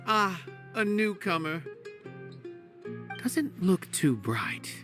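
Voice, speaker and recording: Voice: mid-range voice, big pitch swings. A condescending art-obsessed stranger. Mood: aloof. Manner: slow, measured, dismissive musing. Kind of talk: video game voice acting. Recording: music bed behind the voice.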